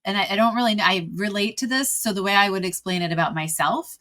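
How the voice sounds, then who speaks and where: A woman's voice: medium pitch, fast talker, pushed and bright. Reflective woman hosting an interview. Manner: reflective, relates things to herself. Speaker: interview host. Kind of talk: conversational interview.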